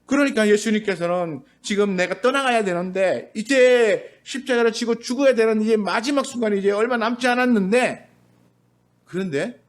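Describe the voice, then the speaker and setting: High-pitched guy preaching sunday sermon in church, chatty, acts out quotes here and there. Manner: conversational preaching, briefly acts out quoted voices. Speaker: pastor. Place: church sanctuary.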